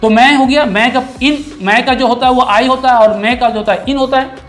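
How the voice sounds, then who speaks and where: A man's voice: very high voice, steady tone, fairly quick, a bit bright, faint music behind. A man teaching a grammar lesson, explaining patiently, repeating key terms and checking in with the class. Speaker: Hindi teacher.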